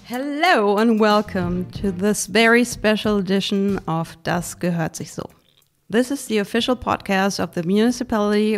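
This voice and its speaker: A woman hosting a podcast, delivering scripted conversational narration in English. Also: medium pitch. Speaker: podcast host.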